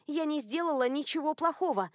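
A woman's voice: high voice, expressive, brisk, dry recording, studio quality, voice pushed up. A woman voicing a bewildered young woman newly turned werewolf, indignant and questioning.

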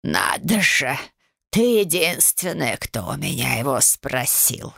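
A woman voicing a grumpy old woman's ghost who scolds her relatives with slow, rasping scorn. The voice sounds dry and close. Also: low-pitched, lively intonation, fairly bright tone, no room sound, full character voice. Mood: mocking.

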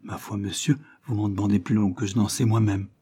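A man's voice: fairly low pitch, steady tone, brisk, dark tone, breathy edge. A man voicing a passionate young woman in an audiobook, given to pleading, sobbing outbursts. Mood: guarded.

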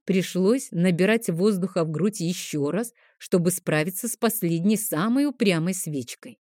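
A woman narrating a first-person audiobook in a gentle, expressive storytelling manner. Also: on the low side, moderate pace, no echo, clean studio sound.

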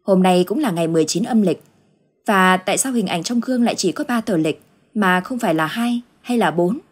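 A woman's voice: medium pitch, fairly quick, slightly rough, lightly acted. A woman voicing an anxious, stubborn elderly village husband who insists he sees something. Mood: uneasy.

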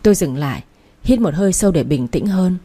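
A woman reads a first-person story aloud in a steady, emotional way. Her voice sits low, husky and mellow. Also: fairly quick. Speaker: narrator.

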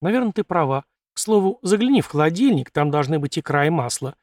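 Brisk young woman in an audiobook, voiced by a male narrator; coaxing, in a dry, close sound. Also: fairly high pitch, lively intonation, a little mellow, dry recording, close to an everyday voice. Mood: lively. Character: lively bold young woman, court lady-in-waiting.

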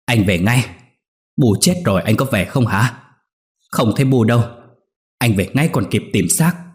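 A man's voice: mid-range voice, lively intonation, normal speed, close to an everyday voice. Man voicing a tearful pleading daughter-in-law. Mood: panicked. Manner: pleading, urgent. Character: tearful worried middle-aged daughter-in-law.

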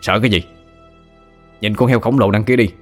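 A blunt, mocking bald thug, voiced by a male narrator in an audio story. His voice sits on the low side and stays matter-of-fact. Soft music runs behind him. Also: steady tone, moderate pace, close to an everyday voice.

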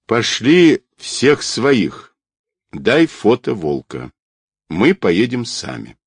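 A man's voice: mid-range voice, huge pitch swings, very slow, breathy edge, dry recording, studio quality, exaggerated voice. A man voicing a cold, scheming woman crime boss in an audiobook, curt and commanding.

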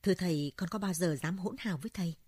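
A woman's voice: fairly low pitch, fast talker, warm tone, slightly rough, no room sound, clean studio sound. A woman voicing a wild young son who screams and pleads in terror, in a told folk story. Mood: humble. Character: young man, wild unruly son, terrified.

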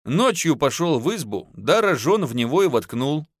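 A man voicing a gruff, cold-blooded peasant man who speaks in curt mutters. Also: a little high, very animated, normal speed, no echo, studio quality.

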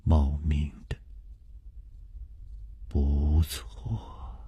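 A man voicing a suave, sharp-eyed young swordsman hero who questions earnestly. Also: lowish voice, expressive, slow, breathy edge, no echo, voice pushed down, heavily acted.

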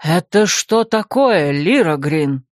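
A woman voicing an irritable aristocratic male academy rector who growls and snaps in a lowered voice. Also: unhurried, no room sound, studio quality. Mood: exasperated. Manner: gruff, shouting, exasperated.

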